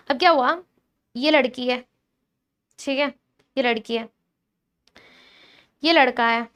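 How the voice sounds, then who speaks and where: A woman biology teacher giving a chatty, animated lecture, teasing and quizzing her students directly. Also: sits high, slow pace, pauses often, clear, resonant tone.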